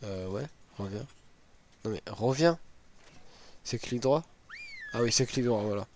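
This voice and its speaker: Hoarse, sick man casually presenting a game. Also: mid-range voice, lively intonation, a little slow. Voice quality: hoarse, worn-out voice. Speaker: gaming video host. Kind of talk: casual game item walkthrough.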